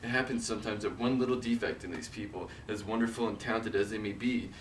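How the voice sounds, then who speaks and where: Brooding young prince, acted by a man, lowish voice, roomy distant recording. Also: steady tone, fast talker, close to an everyday voice. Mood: disapproving. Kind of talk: parody drama acting, modern-English Shakespeare. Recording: roomy, distant, faint noise.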